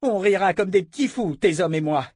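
A man's voice: high voice, animated, a little fast, darkish tone, breathy edge, no room sound, clean studio sound, voice pushed up. A man voicing Callan, a scornful captive woman. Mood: taunting. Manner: taunting, scornful. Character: defiant, mocking captive woman inquisitor. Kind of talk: audiobook reading.

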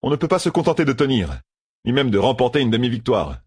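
A man's voice: mid-range voice, big pitch swings, quick pace, slightly rough, no echo, pitched above the performer's own voice. A man voicing a brash young gambler turned general who commands with urgency, in an audiobook. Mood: resolute. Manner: urgent, commanding, shouts orders.

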